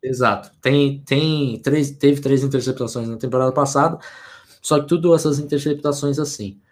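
A man co-hosting a casual sports podcast, voice sitting at an ordinary middle pitch. He rambles along in a relaxed way, restarting sentences and filling pauses as he breaks down players. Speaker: podcast co-host.

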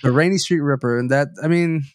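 A man's voice: a little high, a little fast, dry recording, clean studio sound. A young man hosting a podcast, reading news stories aloud with many fillers and restarts, his sinuses stuffy. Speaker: podcast host.

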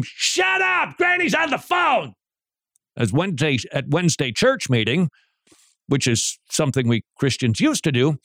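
A man hosting a talk radio show, joking and animated, who often restarts his sentences. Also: mid-range voice, no room sound, clean studio sound.

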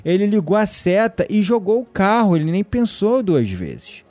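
Animated storytelling man, slightly high. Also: normal speed, no echo, faint music behind. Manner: animated, acts out quoted voices. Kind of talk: casual storytelling.

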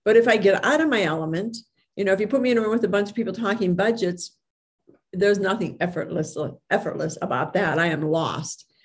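Lady confidence coach doing a motivational talk, average pitch, can't quite say her r's and s's, repeats stuff for emphasis, stumbles a bit. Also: fairly quick. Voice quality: speech impediment on R and S sounds. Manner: occasional stutter and tripping over words; emphatic, repeats key phrases for effect. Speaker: confidence coach and public speaker. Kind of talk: motivational talk with personal anecdotes.

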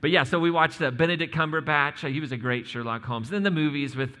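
Bright-voiced American pastor in a reverberant hall. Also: male voice, on the high side, fast talker. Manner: informal, joking, asks the audience questions. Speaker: lead pastor preaching. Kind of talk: conversational sermon to a congregation. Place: large church room. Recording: reverberant hall, live preaching.

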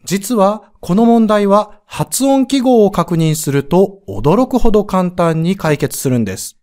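A man's voice: high voice, big pitch swings, measured pace, darkish tone. A man teaching a pronunciation lesson on a podcast, explaining step by step and sounding out letters and vowels to demonstrate them.

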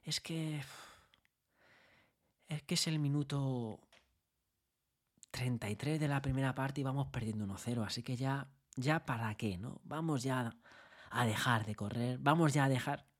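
A man voicing a defeated young footballer who stammers out hesitant excuses, higher and softer than his own talk. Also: a little slow, long pauses, lightly acted. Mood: whiny.

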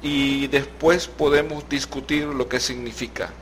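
A Venezuelan man talks through a podcast in an unhurried, patient way. He lays out meanings step by step with examples and laughs easily. A faint noise sits under the recording. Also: medium pitch, fairly even intonation, a bit bright. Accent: Venezuelan Spanish. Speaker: podcast host. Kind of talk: slow explanatory podcast chat.

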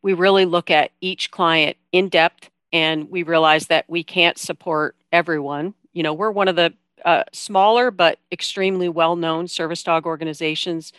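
A woman's voice: on the low side, fairly even intonation, normal speed, a bit bright, clear, resonant tone, no room sound, clean studio sound. A woman giving informal, explanatory answers as a guest in a conversational interview. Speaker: interview guest, veteran coordinator at a nonprofit.

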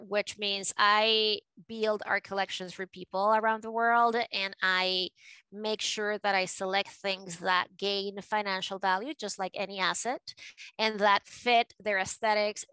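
A Venezuelan-born woman with a New York tinge speaks in a bright, crisp voice. She talks in quick, lively bursts as an interview guest. The sound is close and dry. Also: medium pitch, no echo, rough recording. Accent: Venezuelan Spanish mixed with New York. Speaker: podcast guest, art advisor. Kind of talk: casual interview talk.

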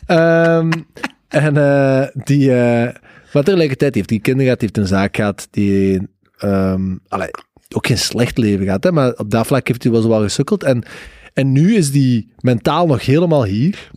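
A man's voice: mid-range voice, normal speed, darkish tone, no echo, clean studio sound. A Flemish man in his thirties, co-hosting a podcast and telling a personal story in casual chat with hesitant restarts. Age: 30s. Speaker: podcast co-host. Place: studio.

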